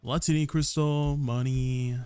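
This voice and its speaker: In a slow, mid-range voice with a darkish, clean tone and fairly even intonation, a young game streamer chats casually through his livestream. He walks through combos, answers viewers, and habitually closes sentences with "right?".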